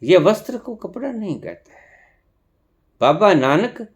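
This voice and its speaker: A man giving a spiritual discourse, preaching slowly with sudden emphatic rises. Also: sits high, very animated. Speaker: spiritual teacher.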